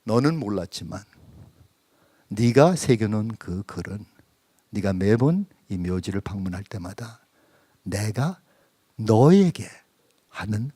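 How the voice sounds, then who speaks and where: A male preacher voicing God as a gentle, tender father who speaks softly and slowly. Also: on the low side, animated, slightly rough, no echo, pitched below the performer's own voice, heavily acted. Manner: soft, slow, gentle.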